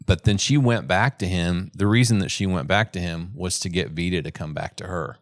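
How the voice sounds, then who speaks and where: A man's voice: low voice, a little fast, no room sound, clean studio sound. An older man co-hosting a film podcast, musing in a thoughtful, rambling way with frequent restarts. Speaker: podcast co-host, the dad. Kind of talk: casual film discussion.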